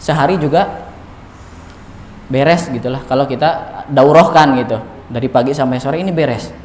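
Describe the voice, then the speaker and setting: A man's voice: mid-range voice, normal speed, darkish tone. Male preacher, chatty lecture with fillers; distant echoey hall sound, faint hiss. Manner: conversational, frequent "gitu, ya" fillers. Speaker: Islamic preacher. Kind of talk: mosque study lecture. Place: mosque hall.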